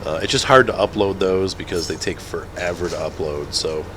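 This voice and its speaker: A low-voiced man speaking at a normal speed gives casual commentary over a farming game for his gaming channel. He has a head cold and a stuffy nose, and he rambles, corrects himself and chuckles. The recording is very noisy.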